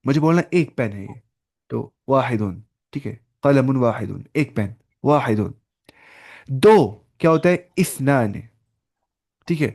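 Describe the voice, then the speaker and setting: A man teaching an online Arabic class, patiently repeating each word slowly for his student over a video call. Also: medium pitch, animated, darkish tone.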